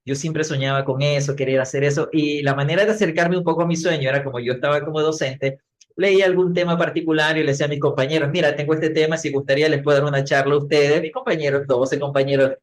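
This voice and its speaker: A middle-aged man, a public speaking coach, telling his story as a podcast guest in an animated way, acting out what he said back then. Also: on the high side, fast talker. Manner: animated, acts out his own past words.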